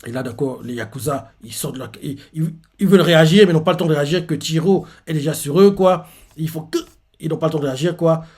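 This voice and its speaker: A man hosting a manga reaction, retelling a chapter in a loose, rambling way. He keeps stopping to correct himself and leans heavily on fillers. His voice sits a little higher than most men's. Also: fast talker, darkish tone. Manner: rambling, heavy fillers, restarts sentences often.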